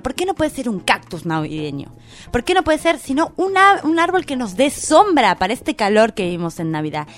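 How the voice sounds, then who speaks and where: A woman with a somewhat high voice delivers a comedic radio column. She sounds playful and impassioned, like she is rallying listeners to a campaign. Soft music sits faintly behind her. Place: radio studio.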